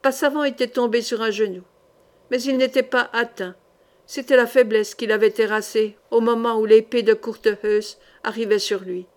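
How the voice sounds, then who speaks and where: A woman audiobook reader narrating a historical novel in a measured, dramatic storytelling manner. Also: on the high side, steady tone, darkish tone.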